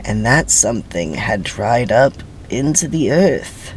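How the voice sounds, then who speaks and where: A man putting on the voice of an elderly, solemn narrator for a dramatic script reading, speaking slowly and ominously. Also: mid-range voice, big pitch swings, a little hiss or hum, poor audio. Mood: grave.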